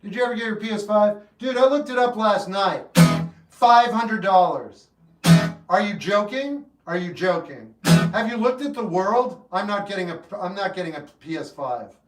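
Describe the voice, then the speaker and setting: A livestream host in his fifties chats casually with viewers and answers the live chat in a relaxed, rambling manner that turns earnest when he gives advice. His voice is high-pitched at normal speed, and the recording has roomy echo from a distant mic with faint guitar music.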